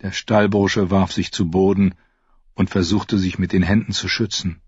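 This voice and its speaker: Ein Mann liest ruhig und ausdrucksvoll einen Roman als Hörbuchsprecher vor. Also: male voice, low voice, level tone, normal speed, slightly rough, no room sound. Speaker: audiobook narrator. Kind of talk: scripted narration. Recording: dull lo-fi.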